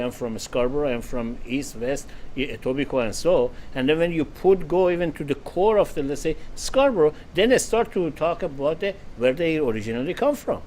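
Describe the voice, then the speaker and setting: Halting man in casual discussion. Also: mid-range voice, a little mellow, a little hiss or hum. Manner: halting, repeats words while searching for phrasing. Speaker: co-host.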